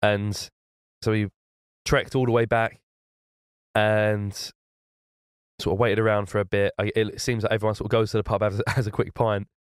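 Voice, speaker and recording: A young man explaining a trip calmly, step by step, in relaxed conversation. His lowish voice is smooth and clear, recorded dry and close. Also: normal speed, long pauses, no echo. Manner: calm, explanatory storytelling. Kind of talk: casual chat, recapping a trip.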